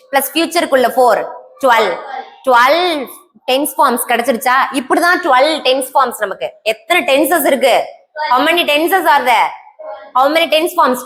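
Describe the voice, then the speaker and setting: A woman's voice: high voice, a bit bright. A woman teacher with a Tamil accent giving a classroom grammar lesson, quizzing students and repeating key terms, answering her own questions. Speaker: English teacher.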